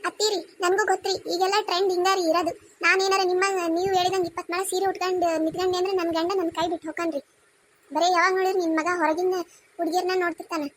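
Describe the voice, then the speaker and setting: Cartoon, woman doing a young daughter-in-law, North Karnataka Kannada accent, high quick pleading voice. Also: level tone, slight background noise. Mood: defiant. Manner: pleading, polite.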